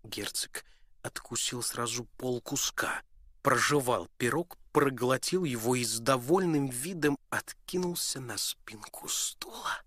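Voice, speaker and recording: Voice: medium pitch, measured pace, no echo. Storybook narrator, dry close sound. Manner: expressive, plays every character. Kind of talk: storybook reading.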